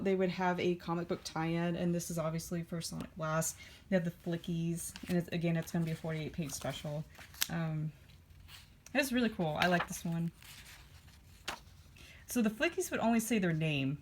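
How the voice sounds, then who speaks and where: Woman rambling about her old comics, lowish voice, paper crinkling noise behind her. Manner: rambling and offhand, with dry asides. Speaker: collector flipping through old comics. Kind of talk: casual vlog chat.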